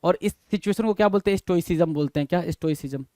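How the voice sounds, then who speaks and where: A man teaching an exam-prep vocabulary lesson, who reads definitions slowly, then explains in quick asides and spells words letter by letter. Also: high-pitched, warm tone, no echo. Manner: addresses listeners as "bhai".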